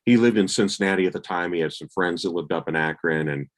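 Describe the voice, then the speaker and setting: Brief: male podcast co-host, very deep voice, laid-back anecdotal storyteller with casual cursing. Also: fast talker. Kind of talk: casual chat.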